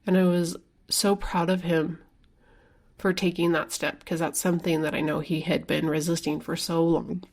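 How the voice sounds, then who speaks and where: Talking alone on her podcast, this woman, a life coach, sounds chatty and candid, leaning on frequent "like" fillers and a bit of mild swearing. Her lowish, darkish voice shows little pitch movement at a normal speed.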